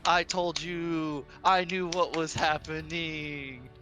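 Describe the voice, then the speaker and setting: A man giving live color commentary on an esports match, quick to get excited. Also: a little high, over music. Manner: enthusiastic, excitable. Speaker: esports co-caster.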